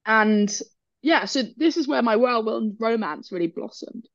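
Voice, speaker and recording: A woman's voice: a little high, lively intonation, unhurried, dry recording, muffled recording. A woman co-hosting a casual podcast, telling travel stories, swearing casually and laughing often. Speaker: podcast co-host. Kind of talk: casual chat.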